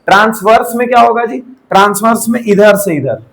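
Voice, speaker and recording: High-voiced man teaching a class. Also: normal speed, a bit bright, rough recording. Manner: checks in with students often; mixes English terms into Hindi. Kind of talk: live classroom lecture.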